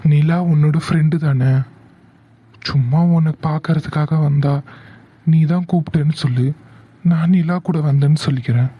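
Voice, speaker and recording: A man voicing a hot-headed young man in a cartoon, insistent and quick to anger, then soothing his sweetheart. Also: a little high, steady tone, breathy edge, muffled recording. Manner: insistent, shifts from angry to soothing. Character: hot-tempered young man in love, teasing. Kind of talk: cartoon voice acting.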